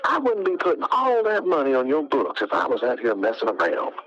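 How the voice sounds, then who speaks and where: A man's voice: medium pitch, huge pitch swings, brisk, fairly bright tone. A young man stammering and giving in on a recorded jail payphone call, heard over a dull lo-fi phone line. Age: young adult. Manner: stammering, submissive.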